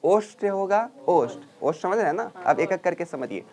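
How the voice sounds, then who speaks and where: A man teaching a grammar class, drilling students loudly and scolding them. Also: high voice, lively intonation, moderate pace. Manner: loud scolding drill teacher, calls and answers.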